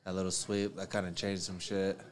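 A man co-hosting a casual podcast, reacting to a fight with punchy slang and quick interjections. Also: low voice, little pitch movement. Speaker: podcast co-host. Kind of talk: casual fight commentary chat. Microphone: headphones and podcast mic.

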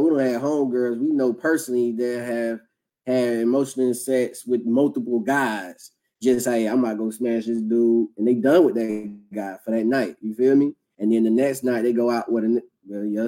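Mellow-voiced man in laid-back chat. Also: medium pitch. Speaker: podcast co-host. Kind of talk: casual chat.

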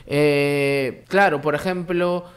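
A man's voice: fairly high pitch, takes it slowly, smooth. A man, co-hosting a casual podcast chat and joking and laughing often. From Peruvian Amazon. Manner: jokey, animated, laughs often. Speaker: podcast co-host.

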